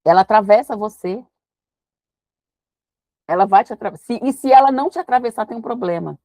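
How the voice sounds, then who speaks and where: A woman teaching the Bible in a devotional, conversational way. She reads passages slowly, then talks through them with warmth and energy. Her voice is mid-pitched and sits close to the mic in a dry space. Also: no room sound. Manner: reads scripture slowly, then explains in a lively, conversational preaching tone.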